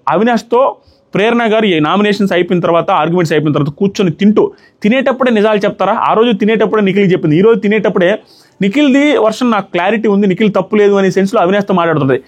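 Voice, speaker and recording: Male reviewer, high voice, rapid-fire argumentative take on a reality show. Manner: argumentative, rapid, mixes in English words. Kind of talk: opinionated show commentary to camera.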